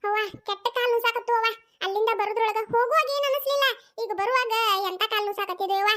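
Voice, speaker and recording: Woman doing a young village daughter-in-law, cartoon, North Karnataka accent, complaining, high bright voice. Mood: weary. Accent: North Karnataka Kannada. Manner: complaining, quick retorts.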